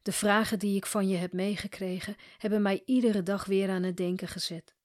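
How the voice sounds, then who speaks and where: A woman voicing a young female client who is doubtful and searching, speaking quietly and reflectively. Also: medium pitch, steady tone, a little fast, no echo, studio quality, natural voice.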